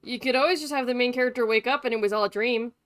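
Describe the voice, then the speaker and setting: Her voice sits on the high side and races along as this female live streamer swears her way through loose, irreverent commentary on her game. Game music hums faintly in the background.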